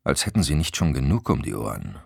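A man narrating an audiobook in an expressive storytelling manner. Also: very deep voice, fast talker, vocal fry, husky, no echo, studio quality. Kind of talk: scripted narration.

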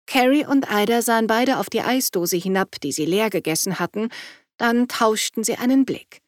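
A woman's voice: a little high, normal speed, no echo. Woman narrating, dry close sound. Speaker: audiobook narrator. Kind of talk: scripted narration.

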